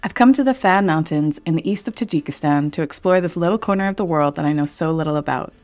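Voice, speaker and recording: A woman giving a scripted, measured voice-over for her own travel vlog, in a reflective storytelling manner. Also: low voice, a little mellow, soft background music. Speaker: vlog narrator.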